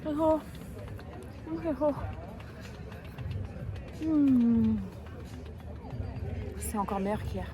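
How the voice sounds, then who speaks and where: A woman's voice: a little high, expressive, very slow, pauses often. A young woman teasing her friend playfully in casual chat, heard a bit off-mic. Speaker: vlogger's friend. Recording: off-mic with crowd noise behind.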